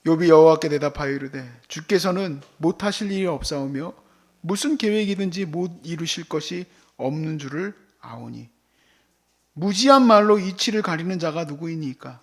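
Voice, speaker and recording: A man with a high voice preaches to a congregation. He swings between hushed, breathy near-whispers and loud, ringing exclamations, and he acts out the voices of the people in the passage as he goes. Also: animated, normal speed. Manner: acts out God's and friends' voices in the sermon. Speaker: pastor. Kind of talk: sermon. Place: church service.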